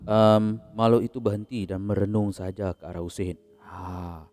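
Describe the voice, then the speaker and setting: A man with a Malaysian Malay accent narrating a horror story in a casual, unhurried way, chuckling between beats. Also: lowish voice, flat delivery, a little mellow, long reverb tail, slight background noise.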